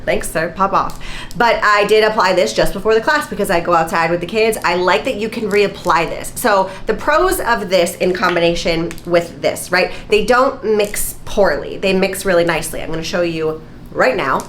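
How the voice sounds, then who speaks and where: A woman's voice: medium pitch, moderate pace, a bit bright, slight background noise. A woman in her thirties, slightly nasal and congested from a recent sickness, chatting casually and emphatically to camera as she reviews beauty products. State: congested, getting over a sickness. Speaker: beauty vlogger. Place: small indoor home office.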